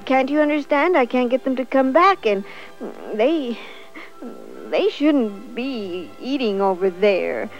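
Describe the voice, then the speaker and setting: A woman's voice: a little high, expressive, slow, lo-fi sound, faint music behind, voice pushed up. A woman voicing an upset little shepherd boy who pleads with his friends. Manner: pleading, frustrated.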